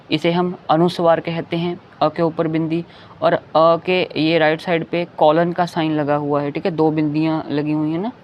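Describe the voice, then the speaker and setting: A man teaching a lesson, patiently repeating each sound and often checking that listeners follow. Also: on the high side. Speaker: Hindi teacher. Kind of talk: slow explanatory lesson. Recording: dull lo-fi recording with faint background noise.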